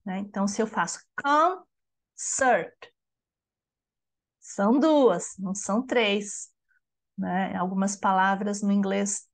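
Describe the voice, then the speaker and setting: A woman with a Brazilian Portuguese accent, leading a study group as teacher, explaining patiently and often checking in with a tag question. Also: fairly high pitch. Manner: explanatory, frequent tag "né?", slows to pronounce words syllable by syllable. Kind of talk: online lecture on bilingual education.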